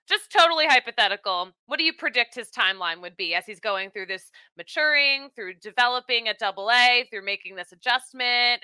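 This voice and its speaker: A woman's voice: on the high side, pushed and bright, clear, resonant tone, no room sound. A woman interviewing a baseball guest in an upbeat, chatty way, with some fillers. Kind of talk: sports interview.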